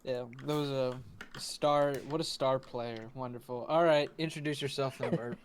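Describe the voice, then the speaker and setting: Male voice-chat host, mid pitch, commanding mock-official banter, slightly noisy computer mic. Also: steady tone, moderate pace. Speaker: host of an online burping contest. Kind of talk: casual game-show banter on a group voice chat.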